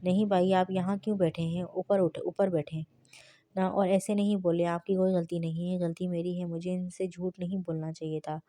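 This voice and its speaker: A woman voicing a tearful, innocent young bride who pleads softly in a read-aloud novel. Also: fairly low pitch, little pitch movement, dry recording, natural voice. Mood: pleading.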